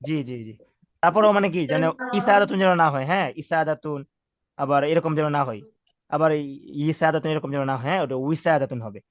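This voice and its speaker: A man's voice: on the high side, fairly quick, dry recording. A man teaching Arabic words to a class, patiently correcting pronunciation and leading call-and-response drills.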